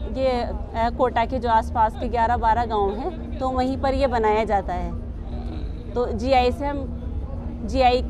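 A woman in her thirties, a weaver from a weaving village near Kota, explaining her craft earnestly with pauses and fillers at a craft fair stall, recorded by a camera a few metres away. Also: on the high side. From Kaithoon, Rajasthan, India. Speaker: Kota Doria weaver and artisan. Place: indoor craft fair stall with saris on display.

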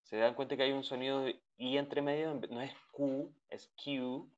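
A man's voice: medium pitch, steady tone, fairly quick, clear, resonant tone. A man teaching an English class over a video call, patiently repeating each sound and checking in with his students. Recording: dull lo-fi call audio.

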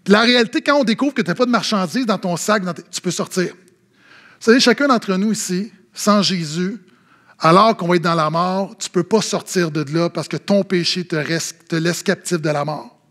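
In a high-pitched voice at a normal speed, this Québécois-accented pastor delivers a sermon laced with humorous anecdotes. He brings his stories to life by acting out the people he quotes.

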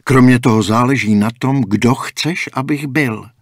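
A man voicing a calm, cryptic older male gas station attendant in an audiobook, speaking slowly and matter-of-factly in a hushed, half-whispered way. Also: mid-range voice, dry recording, clean studio sound, voice pushed up, close to an everyday voice.

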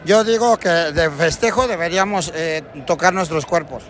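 A man's voice: on the high side, moderate pace. A man with a Mexican accent hosting a crude, teasing street vlog, joking with fans outdoors. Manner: teasing, profane, chanting, laughing. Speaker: vlogger host interviewing fans. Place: outdoors in a busy crowded street outside a stadium. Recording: loud crowd and street noise.

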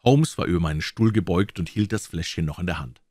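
A man's voice: deep voice, expressive, a little fast, darkish tone, no room sound, clean studio sound. A man narrating a classic detective story as an audiobook reader. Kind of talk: scripted narration.

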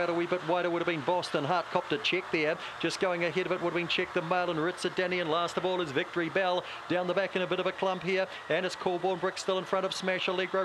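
A man with a broad New Zealand accent giving live greyhound race commentary in colloquial, clipped running phrases. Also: high voice. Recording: noisy outdoor trackside broadcast.

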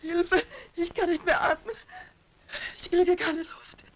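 A woman's voice: extremely high pitch, steady tone, unhurried, a bit bright, a little hiss or hum. A woman playing a trapped, frightened middle-aged lady in a dubbed vintage thriller, wheezy and short of breath. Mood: desperate, suffocating.

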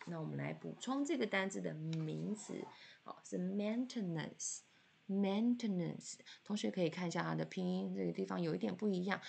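Female teacher, lowish gravelly voice, patient filler-laden explaining. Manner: frequent filler particles, patient step-by-step explaining. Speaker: high school English teacher. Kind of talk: vocabulary lesson explaining words.

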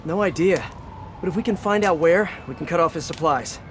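A man's voice: a little high, brisk, lightly acted. A man playing a young, upbeat, chatty superhero with an American accent, tossing out sarcastic, jokey banter in a video game. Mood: casual, wry. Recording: loud game music and traffic behind.

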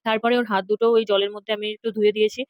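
Young mom vlogger, very quick and chatty, speaks right to viewers, dry room. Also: female voice, mid-range voice, flat delivery, no room sound, lo-fi sound. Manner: chatty, talks straight to viewers. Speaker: mother vlogger. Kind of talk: casual home vlog narration. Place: rented home, indoors.

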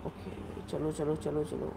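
Excitable high-voiced man narrating gameplay. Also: a little slow, vocal fry, noisy background. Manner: excitable, shouts orders at teammates. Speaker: gaming channel host. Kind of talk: live gameplay commentary. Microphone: own microphone.

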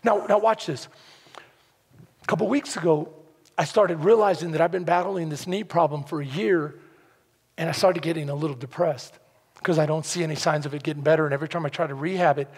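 A male pastor preaching a sermon, moving between quiet confiding talk and shouted preaching. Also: a little high, a little fast, in a large hall.

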